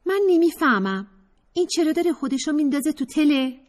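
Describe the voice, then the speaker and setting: A woman's voice: sits high, animated, voice pushed up. A woman narrator voicing a sarcastic, evasive young woman who teases and dodges serious questions. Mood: bemused. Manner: teasing, sarcastic, dodging questions. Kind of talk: audiobook character voice.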